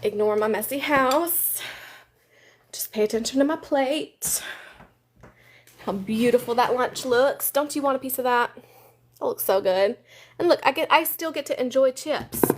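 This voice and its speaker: A woman's voice: high voice, unhurried, long pauses. A woman, chatting upbeat with live viewers while she eats lunch. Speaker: live-stream host. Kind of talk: casual live-stream chat while eating.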